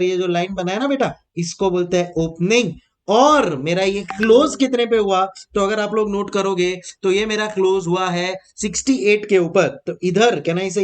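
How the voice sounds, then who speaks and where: A man teaching an exam-prep lecture in a lively way, mixing English terms into his speech, repeating key points and calling his students "beta" in a fatherly tone. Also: high-pitched.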